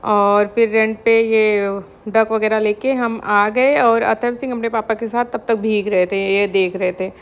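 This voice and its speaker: A woman's voice: medium pitch, level tone, measured pace, few pauses, clear, resonant tone. A woman from India narrating her family vlog in a chatty, storytelling voice-over, mixing English words into her talk. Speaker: family vlogger.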